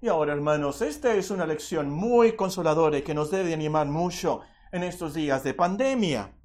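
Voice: medium pitch, moderate pace. A preacher giving a Bible lesson to children and adults, telling stories with playful asides. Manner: animated storytelling with playful asides.

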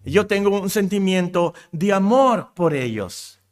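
Animated pastor preaching. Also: male voice, unhurried. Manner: animated preacher, swells in volume on key phrases; drops to a quiet low voice in asides. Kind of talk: expository sermon.

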